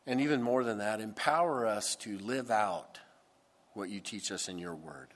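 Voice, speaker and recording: A pastor preaching a sermon into a pulpit microphone, with a deliberate, emphatic delivery. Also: male voice, fairly low pitch. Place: church sanctuary. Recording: long church hall reverb.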